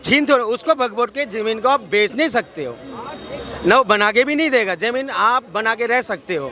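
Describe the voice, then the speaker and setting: Insistent high-voiced man in a street debate. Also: lively intonation, moderate pace, sharp tone. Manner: insistent, keeps interrupting to be heard. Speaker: interviewee in street vox pop. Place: outdoors on a city street.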